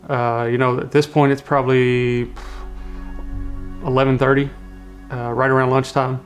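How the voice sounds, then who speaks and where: A man telling, in a documentary interview, how he struggled through an ultramarathon, earnest and halting with many restarts. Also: mid-range voice, little pitch movement, soft background music. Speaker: ultramarathon runner telling his story.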